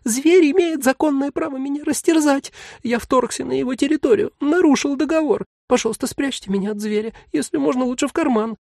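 A timid little demon cloud. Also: male voice, very high-pitched, a little fast, gravelly, few pauses, darkish tone, dry recording, studio quality, voice pushed up. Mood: fawning. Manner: plaintive, fawning, fearful.

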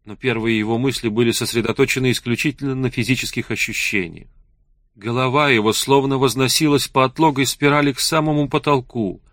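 The audiobook is narrated by a man whose voice sits in the mid range. His storytelling stays measured and even, captured in clean studio sound with no room ambience.

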